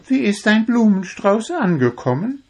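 A man doing a squeaky, eager little friend. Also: very animated, a little slow, full character voice. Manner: very high, eager, consoling.

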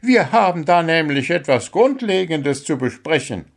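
A man's voice: fairly high pitch, sing-song, moderate pace, creaky, pitched above the performer's own voice, heavily acted. A man voicing a small, strict bird who coaches a football team, scolding and sarcastic.

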